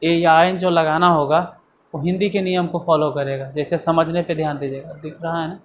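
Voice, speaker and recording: A man's voice: on the high side, little pitch movement, moderate pace, a little hiss or hum. A man teaching English grammar in a classroom lesson, repeating points and asking and answering his own questions.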